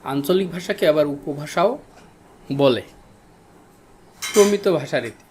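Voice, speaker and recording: Male schoolteacher from Bangladesh, slightly higher voice, drills terms slowly, faint noise behind. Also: expressive, darkish tone. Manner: slow, repeats key terms for students. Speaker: teacher. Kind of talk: recorded classroom lesson.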